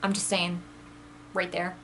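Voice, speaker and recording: A woman's voice: lowish voice, level tone, measured pace, a bit bright, a little hiss or hum. A woman chatting casually in a vlog, gushing and giggling as she talks to the camera. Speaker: book vlogger.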